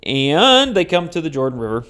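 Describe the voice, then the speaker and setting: A man's voice: fairly high pitch, sing-song, moderate pace, fairly bright tone, clean tone. A man hosting a casual podcast, talking through a Bible story, often laughing and restarting his sentences. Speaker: podcast host.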